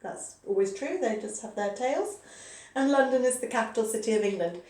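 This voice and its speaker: A woman's voice: on the high side, expressive, fairly quick, a little mellow. A woman in her forties teaching a recorded grammar lesson, patient and repeating key points with a frequent "okay". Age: 40s. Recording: echoey room, voice a bit far from the mic.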